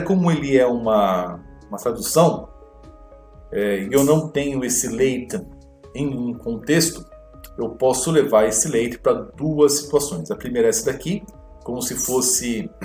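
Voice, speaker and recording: A man teaching an exam walkthrough lesson, explaining slowly and repeating words to model their pronunciation. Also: medium pitch, darkish tone, reverberant. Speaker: English teacher.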